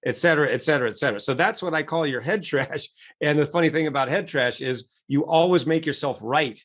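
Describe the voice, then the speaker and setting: A man's voice: a little high, quick pace, a bit bright. An American man answering interview questions as a coach, enthusiastic and motivational, acting out the voices he quotes. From United States. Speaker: guest coach.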